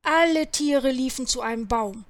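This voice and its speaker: High-voiced woman reading a children's story. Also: moderate pace.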